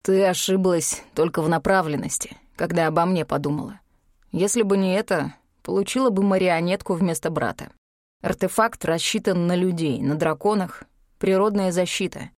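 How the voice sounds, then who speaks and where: A woman voicing a stern young male dragon who speaks in a low, measured way, in an audiobook. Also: a little mellow, no room sound, studio quality, lightly acted.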